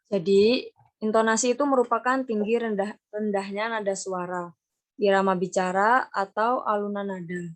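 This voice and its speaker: A young woman with an Indonesian accent presenting an online class lesson over a video call, explaining slowly and repeating key terms. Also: mid-range voice, steady tone. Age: young adult. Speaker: student presenter.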